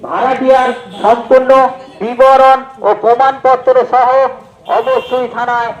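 High-voiced man over an outdoor loudspeaker. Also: little pitch movement, lo-fi sound. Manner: slow, measured, short phrases with pauses. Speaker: police announcer. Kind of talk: public safety announcement. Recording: echoey loudspeaker heard from far off.

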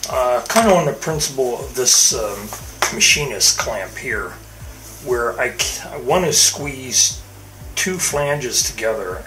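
A man's voice: medium pitch, low-quality recording. A middle-aged man casually walking through his boat maintenance projects in a home workshop, talking loosely with lots of fillers and restarts. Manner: relaxed, rambling with frequent fillers and restarts. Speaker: boat owner vlogger. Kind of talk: casual workshop how-to vlog. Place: home workshop garage, indoors.

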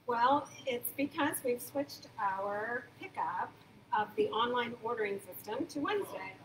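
A woman's voice: on the high side, animated, measured pace, a bit bright. An older woman who manages a farmers market, chatting eagerly in an interview with lots of fillers and restarts. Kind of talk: casual interview. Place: large indoor market hall. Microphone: phone camera a few feet away. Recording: echoey hall from a distance, background hum.

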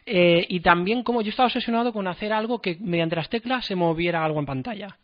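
High-voiced Spanish podcast co-host. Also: male voice, fast, a little hiss or hum. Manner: anecdotal, with frequent hesitations. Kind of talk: casual chat, telling personal anecdotes. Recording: dull lo-fi podcast audio.

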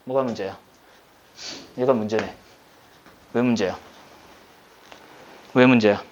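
A male teacher giving a recorded lesson, talking the class through a problem step by step and checking in with many quick questions. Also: on the low side, steady tone, a little mellow, muffled recording, slight background noise. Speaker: high school Korean teacher.

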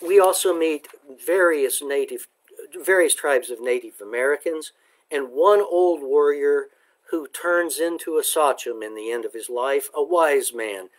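A man presenting a book discussion, summarizing and reading passages aloud in a slow, measured way. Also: mid-range voice. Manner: slow, deliberate, measured delivery.

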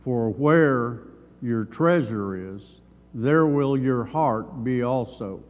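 Slow, halting older man teaching Bible. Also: medium pitch, a little mellow, highs cut off. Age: older, around 70s. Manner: measured, halting delivery in short phrases. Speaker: Sunday school teacher. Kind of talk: Bible lesson read from notes. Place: church sanctuary, at a lectern. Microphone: gooseneck lectern microphone. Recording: long hall reverb.

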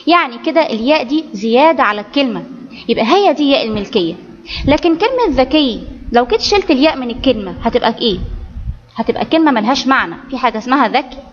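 Fast, high-voiced Egyptian woman teacher. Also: lively intonation, big-room sound, highs cut off. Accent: Egyptian Arabic. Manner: explains step by step, often checks in with the class. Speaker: primary school Arabic teacher. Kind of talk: online grammar lesson for children.

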